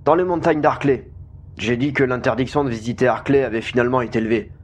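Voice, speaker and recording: A breezy male caller on a radio phone-in, played by a man in an audio drama. He chats in a carefree way at a medium pitch. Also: fast talker, a little hiss or hum, lightly acted. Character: carefree family man calling a radio show.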